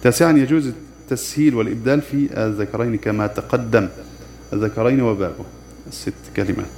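Male recitation teacher, middle pitch, plain explaining voice, drawls out recited examples, faint hiss behind. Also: darkish tone. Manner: explains rules plainly, pauses with filler "aah", slows to chant quoted verses. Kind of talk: tajweed lesson with recited examples.

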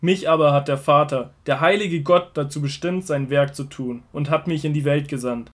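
Actor as Jesus, earnest higher-voiced teacher. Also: male voice, close to an everyday voice. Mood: firm, challenging. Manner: measured, earnest, declarative. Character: Jesus, calm authoritative male teacher and shepherd. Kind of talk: scripted Bible audio drama.

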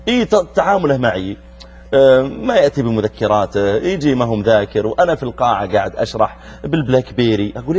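In a muffled recording, a middle-aged Saudi preacher with a husky, darkish mid-range voice hosts a youth program. His talk is lively and engaging, aimed directly at young listeners whom he questions.

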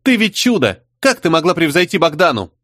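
A man's voice: fairly high pitch, very animated, a little fast, a bit bright, dry recording, studio quality, pitched above the performer's own voice. A man doing a harsh woman commander. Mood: harsh accusing. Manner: harsh, cutting.

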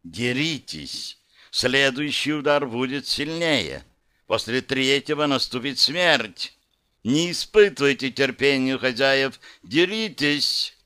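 A man voicing a stern, unseen male arena master who gives slow, cold orders in an audiobook. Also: mid-range voice, expressive, pushed and bright, clear, resonant tone. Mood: commanding.

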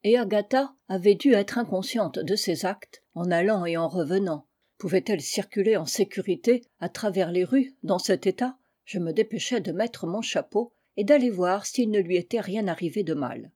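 A woman reads a classic story aloud in a calm, measured narration. Her voice is mellow and warm, and her delivery stays even and unhurried. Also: medium pitch, husky. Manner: measured, even reading of a first-person narrator. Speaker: audiobook reader. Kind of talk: literary audiobook narration.

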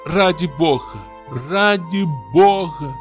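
A man's voice: mid-range voice, animated, moderate pace, a bit bright, soft background music, voice pushed up. A man voicing a distraught young wife in hysterics, crying out in pleading, sobbing bursts. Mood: hysterical, pleading. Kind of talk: audiobook character voice.

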